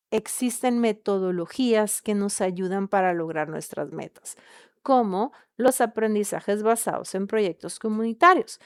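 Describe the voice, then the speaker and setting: Woman podcast host, smooth clear voice, dry close sound, scripted persuasive narration. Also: mid-range voice, no room sound. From Mexico. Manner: measured and persuasive.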